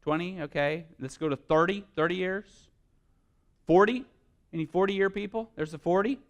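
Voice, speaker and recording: A male pastor preaching a sermon, animated and playful, acting out little scenes and asking the congregation questions. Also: high-pitched, normal speed, dull audio.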